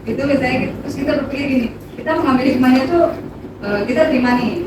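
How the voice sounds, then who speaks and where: A woman in the audience puts a question to the preacher, talking hesitantly with fillers. Her voice is fairly high and comes from far off in an echoey room with loud background noise. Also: very fast. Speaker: audience member asking a question.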